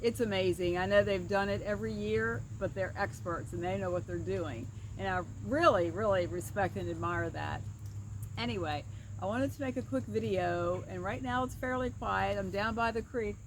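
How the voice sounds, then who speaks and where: A woman's voice: mid-range voice, moderate pace, rough recording. A middle-aged woman giving a casual, earnest personal vlog, her speech slightly slurred as if one side of her mouth were numb. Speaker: vlogger and pastoral counselor. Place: outdoors by a creek. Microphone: camera at a short distance. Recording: outdoor creekside with clear insect and ambient noise. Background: insects and woodland ambience.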